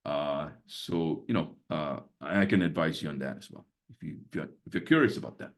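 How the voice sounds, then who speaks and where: With an extremely low, animated voice and a slightly quick pace, a sixty-something Singaporean-raised mentor hosts a relaxed live webinar on a video call. He chats freely, leaning on fillers and small chuckles as he moves from point to point.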